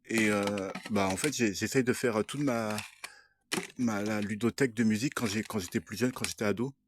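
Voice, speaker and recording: Showing what he purchased in a casual vlog, a young man speaks to camera hesitantly, full of fillers and restarts. He has a fairly low-pitched voice at a moderate pace, with background noise present.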